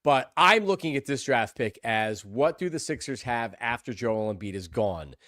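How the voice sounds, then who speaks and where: A man hosting a sports talk show, excitable and rambling, often repeating his words. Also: mid-range voice, normal speed, no room sound, studio quality.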